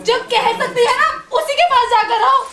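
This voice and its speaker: A woman playing a middle-aged village mother in a live stage play, shrill and nagging in a rustic sing-song way. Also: normal speed, gravelly, crowd noise. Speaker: stage actor. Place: theatre stage. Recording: echoey stage with loud noise.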